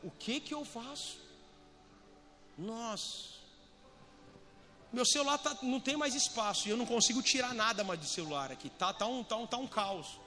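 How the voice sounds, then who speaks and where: A man preaching as a pastor in a casual storytelling sermon, animated and slangy, mimicking members of his church in quoted asides. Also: extremely high pitch, moderate pace, soft background music.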